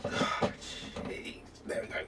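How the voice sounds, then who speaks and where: A middle-aged man from the UK vlogging casually inside a motorhome, muttering and grumbling to himself as he works on repairs. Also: slow. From United Kingdom. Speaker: travel vlogger. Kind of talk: casual self-talk while doing repairs. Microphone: camera mic set down nearby. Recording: noisy camera recording with clicks.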